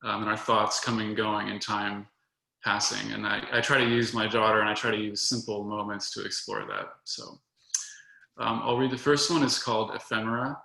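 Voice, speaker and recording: A young adult man reading his own poems in a measured, soft-spoken way, with short talk between them. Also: fairly low pitch, flat delivery, vocal fry. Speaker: poet reading his work. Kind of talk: poetry reading. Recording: roomy echo.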